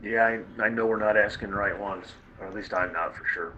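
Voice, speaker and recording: A man's voice: lowish voice, steady tone, brisk, muffled recording, slight background noise. A man playing in a tabletop game, speaking thoughtfully and correcting himself. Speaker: player. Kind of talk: casual tabletop game play.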